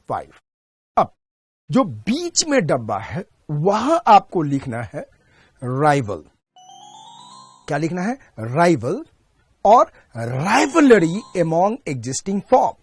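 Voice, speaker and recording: In a recorded online lecture for an exam-prep class, a man drills each point by posing a question and answering it himself, slowing way down on key terms. His voice sits high with a breathy edge, and the recording is dry.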